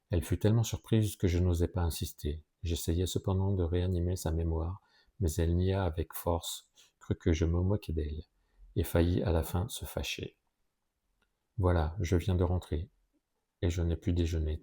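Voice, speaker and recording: A man narrating a classic story in a measured, even way. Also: low voice, husky. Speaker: audiobook narrator.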